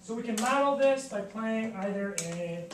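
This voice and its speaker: A woman's voice: fairly high pitch, moderate pace. Woman chemistry teacher, upbeat and questioning, echoey classroom, distant camera, background noise. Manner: upbeat, questioning, coaxing students. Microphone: camera across the room.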